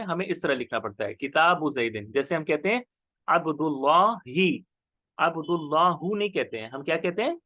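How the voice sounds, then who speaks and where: A man leads an online grammar class in a high, animated voice that rises and falls freely. He explains slowly and patiently, repeating each term so students can follow. The sound is close and dry, with no room around it. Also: dry recording. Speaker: teacher.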